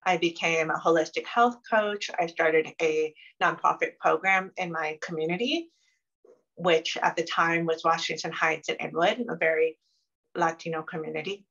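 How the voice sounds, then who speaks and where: A woman's voice: lowish voice, a bit bright. A woman from Maryland answering interview questions about her career in an earnest, reflective way. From Maryland, United States. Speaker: interviewee, consultant. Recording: dull lo-fi recording.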